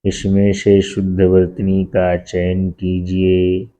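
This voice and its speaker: Speaking in a monotone, a low-voiced male teacher from India moves slowly through exam questions, saying each answer twice word for word to lock it in. His tone is dark and mellow, with hardly any pitch variation. The audio is dull and lo-fi.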